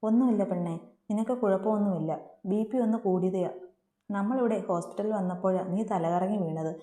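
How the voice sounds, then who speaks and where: A woman narrator voicing a calm young woman friend who reassures someone in steady, gentle sentences. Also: mid-range voice, a little fast, lightly acted. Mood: soothing. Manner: soothing, reassuring. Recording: roomy echo.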